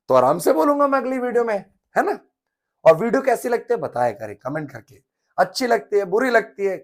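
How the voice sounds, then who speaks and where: A man teaching an exam revision lesson, quizzing and repeating answers in a lively manner. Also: high voice.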